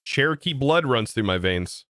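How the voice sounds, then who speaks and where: A man's voice: mid-range voice, lively intonation, moderate pace, a bit bright. An American man streaming a game, chatting casually and answering his chat in disbelief. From United States. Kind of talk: casual livestream chat while gaming.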